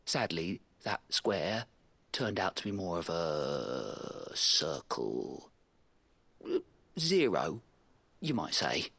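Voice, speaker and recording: An actor playing a nervous, bumbling bookkeeper in a video game, in a breathy, often whispered voice as whispered role-play. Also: male voice, deep voice, very animated, very slow, a bit bright, full character voice. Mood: sheepish. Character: sheepish bumbling bookkeeper man, nervous and evasive. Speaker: game character.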